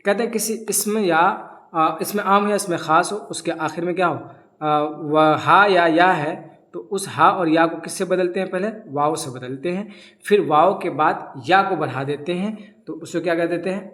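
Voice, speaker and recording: A man's voice: sits high, fairly bright tone. A man teaching a grammar lesson. He asks questions and answers them himself, and recites examples as short lists of words. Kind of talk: grammar lesson explaining from a textbook.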